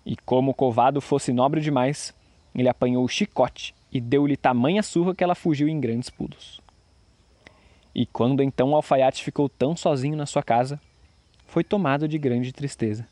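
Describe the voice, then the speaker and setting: A man's voice: medium pitch, normal speed, dark tone, no room sound. A man narrating a fairy tale expressively, doing voices for the figures.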